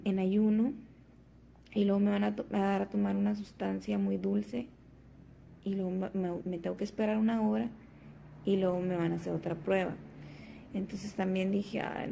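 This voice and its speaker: A young woman fresh out of bed chats to the camera at home in a rambling, filler-heavy way. Her voice is strongly gravelly and husky, with a mellow, dark tone. She speaks in a flat, even melody. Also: medium pitch. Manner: rambling, chatty, many fillers. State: just woke up, fasting. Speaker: vlogger. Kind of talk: casual chat to camera.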